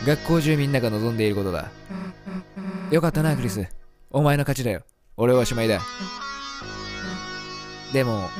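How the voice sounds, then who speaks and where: A man voicing a tough, rude monster schoolgirl who talks in a gruff, threatening way while reading game dialogue. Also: mid-range voice, voice pushed down, close to an everyday voice. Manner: gruff, threatening, coarse speech. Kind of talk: voicing game dialogue during a let's play.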